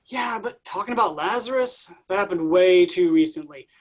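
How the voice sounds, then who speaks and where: High-voiced slacker bro Jesus, played by a man. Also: lively intonation, moderate pace. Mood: scheming. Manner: casual slangy dude speech. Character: laid-back, vain slacker Jesus who talks like a bro. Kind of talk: staged reading of a comic play.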